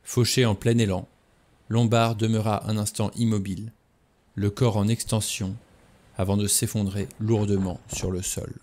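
A man reading a novel aloud as narrator, slow and deliberate with dramatic pauses. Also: on the low side, level tone, a little mellow. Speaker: audiobook reader.

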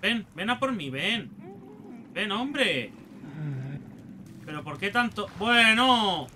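A man's voice: sits high, sing-song, slow pace, sharp tone, slight background noise. A man with a Spain Spanish accent giving crude, joking let's play commentary and taunting the enemies he fights. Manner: swearing, joking, talks to enemies. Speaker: gaming youtuber.

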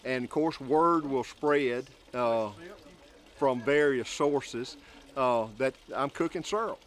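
A man's voice: medium pitch, slow pace. A middle-aged man with a Mississippi accent, a syrup maker interviewed outdoors on a rural homestead, talking plainly and easygoing with a few "uh"s. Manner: plain, easygoing, with some "uh" fillers.

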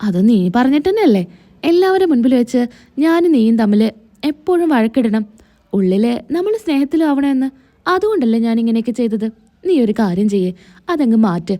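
Teasing young wife, read by a woman, cheeky, fairly high, dark mellow tone. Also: animated, a little fast, lightly acted.

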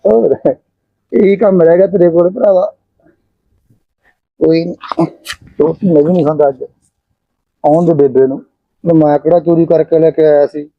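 A naive grown son who wanders from thought to thought with a childlike innocence, played by a man. His voice sits noticeably high for a man. It is village short-film acting. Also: steady tone, normal speed, creaky, pauses often, narrow, tinny audio. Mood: rambling. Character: simple-minded grown son, childlike and gentle.

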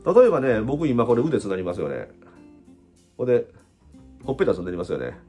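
A man with an Osaka accent, hosting a casual spiritual talk in an animated, joking way, laughing often. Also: medium pitch, quick pace, faint music behind. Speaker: host.

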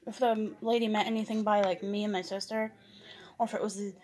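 A woman's voice: medium pitch, little pitch movement, brisk, a little mellow. A young woman vlogger chatting casually while eating, rambling with lots of fillers and restarts.

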